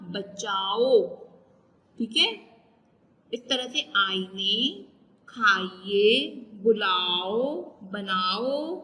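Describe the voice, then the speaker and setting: A woman's voice: on the high side, bright, forceful tone, big-room sound, rough recording. A woman teacher giving a recorded class lesson, patiently spelling out letters and drawing out each sound.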